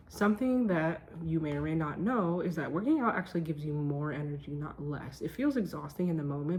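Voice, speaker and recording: Her voice is low and mellow as she vlogs casually to camera from home at night, with a bit of noise in the background. She covers her day and her well-being research, emphatic and poking fun at herself.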